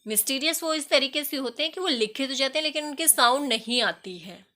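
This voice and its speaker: A woman teacher explaining an English lesson, reading English sentences slowly and loudly and spelling words letter by letter. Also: high voice, animated. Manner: spells words letter by letter, addresses students as beta. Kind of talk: recorded classroom lesson.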